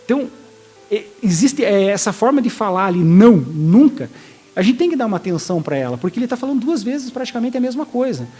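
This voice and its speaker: A man's voice: very high voice, very animated, fast talker, a little mellow, soft background music. A man preaching a sermon in a conversational, explanatory way, acting out the lines he quotes and often restarting his sentences.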